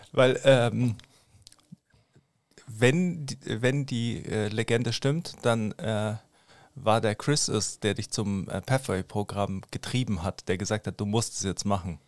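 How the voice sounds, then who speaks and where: A man's voice: fairly low pitch, slow pace, no room sound. Hesitant man asking questions, dry sound. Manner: hesitant questions with many fillers. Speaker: podcast host. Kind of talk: casual podcast interview.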